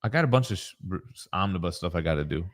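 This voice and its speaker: A man in his thirties co-hosting a live stream, casually chatting and reading viewer comments aloud in a relaxed, joking way. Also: low voice, racing. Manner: reads chat comments aloud, laid-back and joking. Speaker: co-host.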